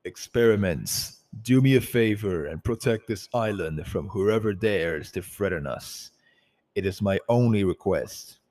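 A man's voice: on the low side, lively intonation, a little slow, few pauses, a little mellow. A man voicing a protective male creature leader in a firm, commanding way.

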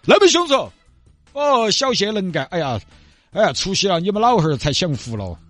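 A man's voice: high voice, big pitch swings, fairly quick, a bit bright, no room sound, faint music behind, pitched above the performer's own voice. A man voicing a nosy, easily impressed elderly villager with a Sichuanese accent and a fawning, exclaiming manner in a comic storytelling skit.

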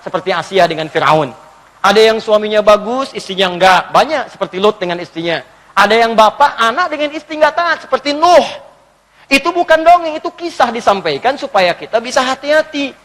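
A man preaching a sermon in a mosque hall. He questions his listeners and swings between emphatic urging and hushed lines. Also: sits high, expressive, brisk. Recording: long hall reverb.

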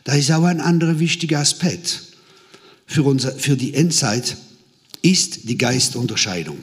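A man preaching a sermon in a middle-pitched voice. He is animated and tells stories, and he slips into different voices when he quotes people. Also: moderate pace.

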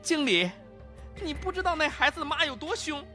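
A man's voice: very high-pitched, animated, brisk, sharp tone, faint music behind, pitched above the performer's own voice, full character voice. A man voicing a young wronged saleswoman who protests in a choked, stammering voice. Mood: tearful.

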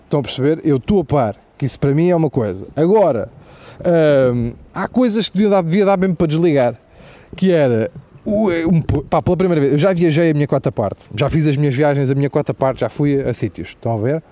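Rapid, profane Portuguese comedian. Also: male voice, fairly high pitch, dry recording. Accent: European Portuguese. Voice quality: profane, animated storytelling with asides. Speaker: comedian host. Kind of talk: stand-up comedy monologue.

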